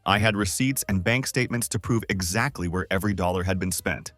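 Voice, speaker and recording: A man's voice: low-pitched, a little fast, fairly bright tone, no echo, soft background music. A man narrating a scripted first-person story in a dry, sardonic manner.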